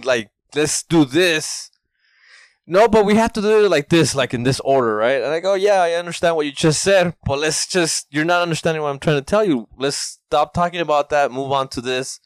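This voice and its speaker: A man's voice: medium pitch, clear, resonant tone, no echo. A man co-hosting a podcast, chatting casually and acting out the quotes in his stories. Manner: animated storytelling, acts out quotes. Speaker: podcast co-host. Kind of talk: casual chat.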